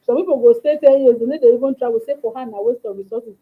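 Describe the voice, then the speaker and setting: A thin, phone-like recording carries a high-pitched Nigerian woman. She chats casually in Nigerian Pidgin as a talk show host, repeating phrases for emphasis. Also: rapid-fire. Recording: narrow phone-like sound.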